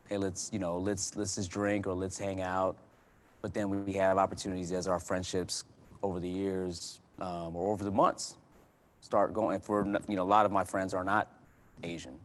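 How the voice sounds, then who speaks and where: An American man with a low voice joins a panel discussion as a guest. He speaks earnestly and conversationally, frequently repeating and restarting words as he becomes more animated.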